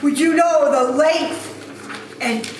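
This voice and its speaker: In an amateur dramatic reading, a woman with a high voice plays a mournful male ghost in chains, slowly declaiming solemn warnings. Soft music plays behind her, and the very echoey room carries faint background noise.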